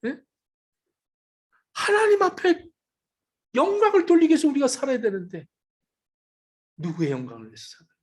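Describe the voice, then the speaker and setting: A woman pastor preaching a sermon with emphatic rhetorical questions, moving between loud calls and hushed asides. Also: high voice, wildly swooping pitch, moderate pace, long pauses.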